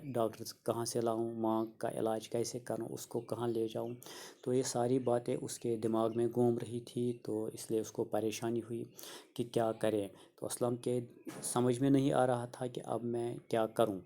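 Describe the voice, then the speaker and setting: Gravelly flat-voiced teacher explaining slowly. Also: male voice, medium pitch. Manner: repetitive, restates each sentence simply for children. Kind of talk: explaining a school reader lesson.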